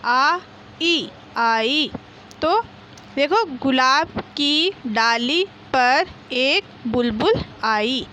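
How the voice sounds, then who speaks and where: A woman with a high voice leads a reading lesson for young children. She speaks slowly and breaks words into syllables. She asks her own questions and answers them, with faint traffic noise in the background. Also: expressive, pushed and bright. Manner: sounds out syllables, then repeats whole words. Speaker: primary school teacher.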